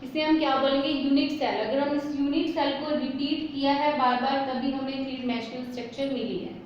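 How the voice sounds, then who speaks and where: Woman teacher, high voice, asks and answers her own questions, echoey room, slightly muffled recording. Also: fairly even intonation, a little fast, a little hiss or hum. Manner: asks rhetorical questions and answers them herself, repetitive; mixes English terms into Hindi explanation. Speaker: chemistry teacher. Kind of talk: whiteboard lesson.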